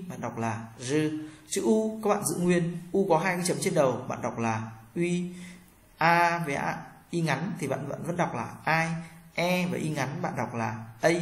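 A man teaching a pronunciation lesson, drawing out model syllables slowly for learners to repeat. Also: on the high side, roomy sound.

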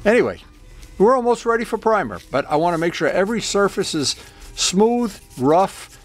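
A man's voice: sits high, big pitch swings, moderate pace, soft background music. A man chatting casually through a motorcycle DIY project in his garage, rambling with jokey asides. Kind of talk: casual workshop vlog.

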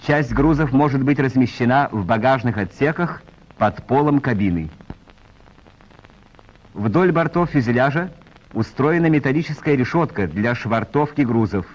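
This film voice-over features a male narrator reading a technical script like a formal 1940s announcer. His measured delivery sits at a middling pitch with lively intonation, heard through a dull, muffled old soundtrack.

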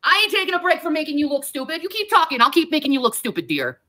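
A woman's voice: sits high, very animated, quick pace, bright, forceful tone. A woman ranting on a livestream, heated, profane and confrontational, talking straight at her critics. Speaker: livestreamer in a played clip. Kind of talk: angry livestream rant.

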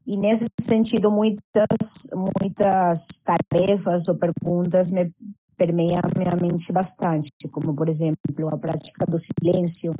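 A Venezuelan dancer whose first language is Spanish speaks slowly and thoughtfully in a video call panel, searching for her words. Her voice is on the low side with no echo. She uses a laptop mic with her camera off, and the call audio sounds tinny and compressed.

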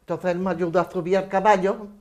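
An older woman giving personal testimony in a measured storytelling way, voicing the lines of the people in her memory. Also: on the low side, fairly even intonation, darkish tone. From Spain. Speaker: eyewitness interviewee.

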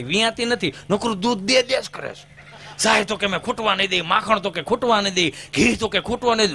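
A man's voice: high-pitched, bright, forceful tone. A man with a Kathiyawadi Gujarati accent telling folk comedy stories on stage, acting out village characters with sudden voice shifts. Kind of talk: stage comic storytelling.

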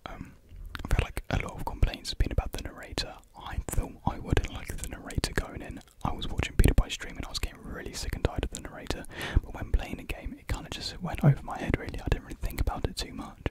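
Close to the mouth, a large desk condenser mic picks up a young adult ASMR creator's soft, breathy unvoiced whisper. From a small indoor room with painted block walls, he chats in a rambling, informal way, moving quickly with few pauses.

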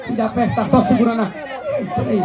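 A man announcing a live rodeo, shouting, joking and egging on the crowd outdoors. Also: extremely high pitch, steady tone, fast. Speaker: event announcer. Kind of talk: live bullfight-style rodeo commentary. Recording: loud crowd and music outdoors.

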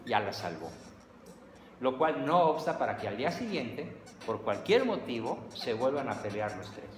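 A man with a Mexican accent giving a lively, humorous lecture, acting out everyday scenes. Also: medium pitch, moderate pace. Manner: animated, humorous, acts out scenes. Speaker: lecturer on psychology. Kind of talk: lively lecture with acted examples. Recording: echoey hall, faint noise.

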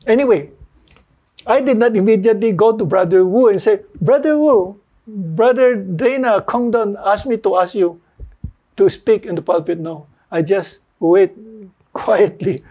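An older man giving an earnest sermon, halting now and then with fillers. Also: high-pitched, mellow. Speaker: lay preacher.

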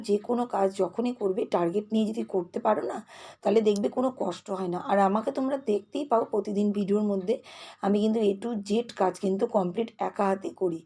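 A woman vlogs from her home kitchen, talking quickly and restlessly about household chores. She has a warm, husky, mid-range voice. It's casual, chatty lifestyle narration.

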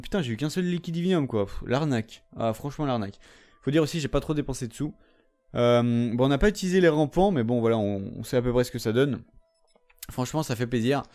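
A man's voice: mid-range voice, darkish tone. A young man giving casual gameplay commentary, rambling with lots of fillers and frequent swearing. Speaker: gamer.

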